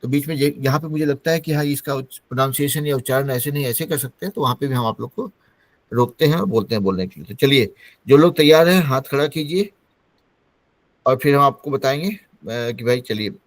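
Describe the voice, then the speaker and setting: A man's voice: mid-range voice, lively intonation, fairly quick, no room sound. A man from Bihar teaching an online English-speaking class over a video call, explaining patiently in a mix of Hindi and English. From Bihar, India.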